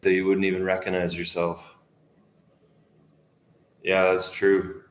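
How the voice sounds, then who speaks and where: A man in his twenties with a deep, low voice rambles to the camera. His talk is profane and loose, often trailing off mid-thought. The sound carries the echo of a reverberant room. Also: completely flat delivery, takes it slowly. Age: 20s. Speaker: vlogger. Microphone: camera facing speaker. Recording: echoey room.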